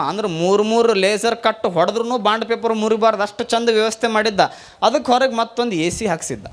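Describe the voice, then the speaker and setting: A monk preaches a sermon to a gathering, telling folksy stories in a North Karnataka Kannada accent. He is a man with a high-pitched voice, and he switches between parables and plain talk. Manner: storytelling, folksy.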